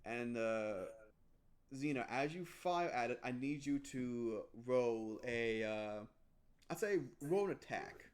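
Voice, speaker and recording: A man's voice: mid-range voice, animated. A young man narrating a tabletop game as game master, stumbling over words and restarting often. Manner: halting, many restarts and fillers.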